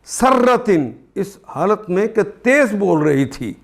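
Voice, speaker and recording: An older man with a Pakistani Urdu accent, teaching a Quran translation lesson, explaining each word slowly and repeating terms. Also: high voice, very animated.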